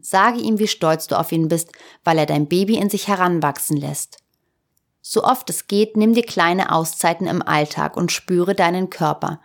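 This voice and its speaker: A woman with a slightly lower voice reads a prepared script for her podcast. Her delivery is calm and measured. It has a soothing, unhurried evenness. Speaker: podcast host. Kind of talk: scripted narration.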